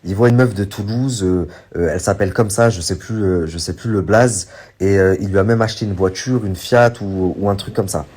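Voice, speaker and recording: A man casually retelling a story to his viewers, rambling with many fillers and animated bursts when he quotes others. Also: low voice, brisk, husky. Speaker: online commentator recounting a story.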